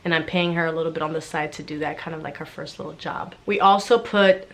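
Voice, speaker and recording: A homeschooling mom vlogger in her thirties chats casually to camera, talking straight to her viewers in a friendly way. Her voice sits low yet a bit bright, with fairly even intonation and a fast pace, and it sounds congested and stuffy from a cold.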